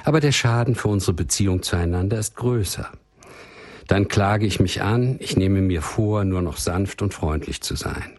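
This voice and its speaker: A man reading out the lines of a desperate, remorseful father in a spoken story, in a low husky voice. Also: moderate pace, a little mellow. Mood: despairing. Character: desperate middle-aged father, remorseful and helpless.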